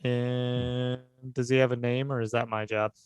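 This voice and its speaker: A man's voice: medium pitch, level tone, a little slow, smooth, no echo. A man running a tabletop role-playing game, narrating and asking questions in a casual chat. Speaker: game master.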